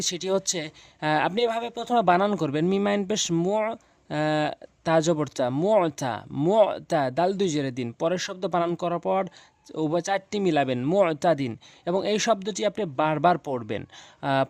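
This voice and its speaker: Man drilling reading syllables slowly. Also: a little high, dry recording. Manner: slow, drilling repetition of syllables. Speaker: Quran reading teacher. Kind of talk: spelling-out recitation lesson.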